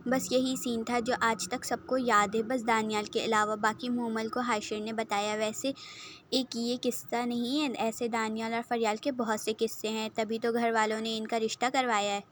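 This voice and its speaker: A woman's voice: on the high side, level tone, a little hiss or hum. A woman reading her own story aloud, chatting and explaining to her listeners.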